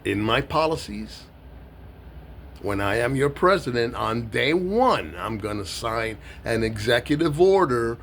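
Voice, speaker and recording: A man from Miami giving a blunt, mocking, swear-heavy political rant to camera, loose and halting with fillers when he explains himself. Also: mid-range voice, very animated, gravelly, a bit bright, slight background noise. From Miami, Florida. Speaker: political satire vlogger. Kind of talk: profane political rant and monologue.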